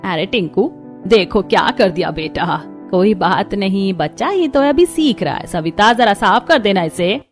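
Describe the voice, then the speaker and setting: A woman voicing a stern, sharp-tongued older grandmother in a scripted audio story, with music behind. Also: mid-range voice, animated, a little slow. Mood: indulgent.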